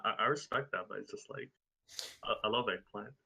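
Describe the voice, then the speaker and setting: A young man in casual podcast chat who talks quickly and stammers, repeating words. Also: on the low side, creaky, bright, forceful tone, a little hiss or hum. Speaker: podcast co-host.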